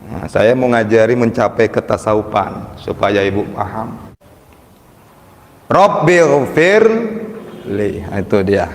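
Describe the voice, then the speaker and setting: A man preaching to a women's study group, animated and often rising to shouts, drawing out recited prayers slowly and asking his listeners direct questions. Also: lowish voice. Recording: roomy hall reverb with faint background noise.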